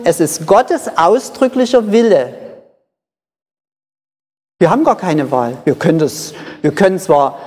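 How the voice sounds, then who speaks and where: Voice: medium pitch, a little mellow. Preacher in a long-reverb hall. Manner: explains in short phrases, repeats key points for emphasis. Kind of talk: sermon.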